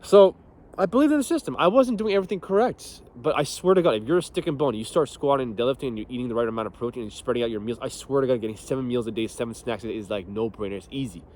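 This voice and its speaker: A man's voice: mid-range voice, expressive, rapid-fire, a little mellow, a little hiss or hum. A young man, a fitness coach, talking casually and bluntly about training, swearing often and laughing as he tells stories. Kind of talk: casual motivational talk.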